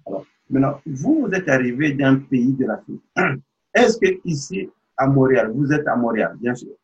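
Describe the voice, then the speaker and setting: A man's voice: mid-range voice, animated, normal speed, husky, dull audio. A man hosting an interview, explaining things and addressing the viewer. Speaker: interview host.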